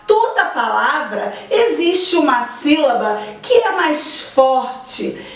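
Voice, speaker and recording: Lady teacher going slow thru grammar, drawing out example words, pretty high voice, boomy room. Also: very animated, distant mic. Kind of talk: grammar lesson. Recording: echoey room, voice off-mic.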